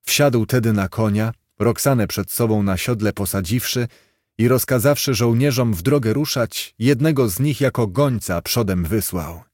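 A man's voice: fairly low pitch, moderate pace, a little mellow, no room sound, clean studio sound. A man narrating an archaic fairy tale aloud in a solemn storybook manner. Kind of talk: storybook reading.

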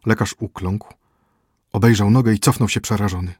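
A man narrating a story as an audiobook, telling it in a steady, dramatic way. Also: fairly low pitch, a little fast, husky, dry recording, clean studio sound.

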